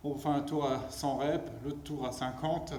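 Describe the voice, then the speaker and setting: Guy w coaching a workout, counting reps out loud, roomy echo, bit of background noise. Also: on the high side, level tone, unhurried. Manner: workout rep counting, short counts between casual remarks. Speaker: fitness coach leading a home workout. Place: indoors at home, echoey room.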